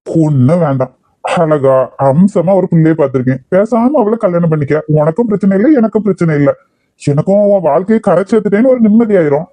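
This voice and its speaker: Brief: guilt-tripping Kanyakumari uncle in a cartoon, voiced by a man, high and mellow. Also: brisk, no room sound. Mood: coaxing. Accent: Kanyakumari Tamil. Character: older uncle, sly and coaxing. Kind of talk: cartoon voice acting.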